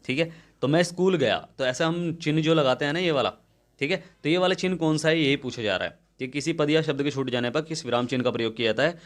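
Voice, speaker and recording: A young man with a fairly high, fast voice gives a Hindi grammar lesson to prepare students for an exam. He walks them through each question step by step and checks often that they're keeping up.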